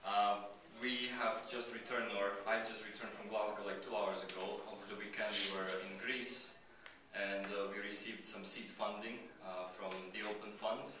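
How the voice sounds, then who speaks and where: A man from Slovakia pitching his startup at a meetup, talking casually with many fillers and restarts. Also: little pitch movement, normal speed, hardly any pauses, noisy background. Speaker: startup founder giving a pitch. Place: meetup venue. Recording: echoey room, mic far off, crowd behind.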